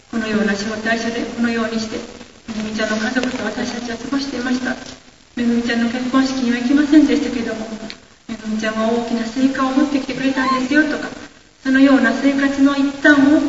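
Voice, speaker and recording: A woman's voice: a little high, recorded from a distance. An older woman gives an earnest public speech in a pleading tone. She stands well back from the microphone, and her voice rings through a large hall with long reverb. The sound is dull, with a faint hiss underneath. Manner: earnest and pleading, sometimes quotes others loudly. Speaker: speaker for an abductee families' group. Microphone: far from the microphone.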